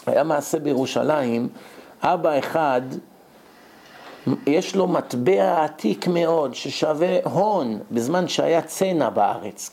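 Animated male storyteller with a gravelly, slightly high voice, acting out every character for children. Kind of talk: moral story told to children.

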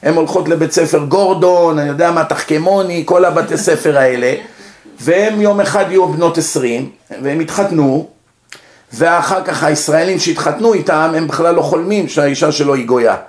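A man with an Israeli accent gives an informal religious lecture in a didactic way, asking questions and answering them himself. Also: on the high side. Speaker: rabbi giving a religious lecture. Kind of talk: informal Torah lecture to an audience. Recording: echoey room.

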